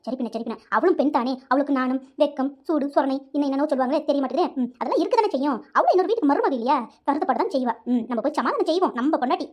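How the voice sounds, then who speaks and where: A woman voicing a soft-hearted husband in a cartoon, musing to himself. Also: high voice, expressive, racing, hardly any pauses, pitched below the performer's own voice. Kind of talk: cartoon voice acting.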